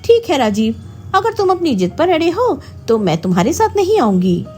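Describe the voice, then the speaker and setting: Stubborn young wife as a woman voices her, sharp and indignant, lively high voice, storybook tale. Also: moderate pace, faint music behind. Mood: sulky.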